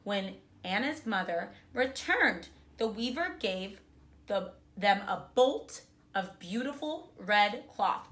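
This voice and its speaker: A woman reading a storybook aloud to young children in a kindergarten teacher voice, expressively and deliberately, explaining words simply as she goes. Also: mid-range voice, sharp tone.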